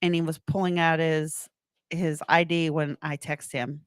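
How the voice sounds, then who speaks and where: Woman cohost chatting casually, kinda low voice, dry studio-like sound, retells stuff in a he said i said way. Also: level tone, measured pace, clean tone, dry recording. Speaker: talk show co-host. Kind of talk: casual chat, storytelling.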